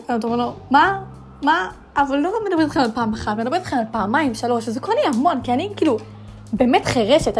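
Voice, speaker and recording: A young woman hosting a casual solo podcast, chatty and full of fillers, piling up dramatic rhetorical questions. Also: high-pitched. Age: young adult. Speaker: podcast host.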